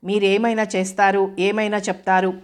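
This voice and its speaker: A woman's voice: mid-range voice, level tone, normal speed, smooth, lightly acted. A woman reading the part of a hurt, reproachful young wife in an audio novel.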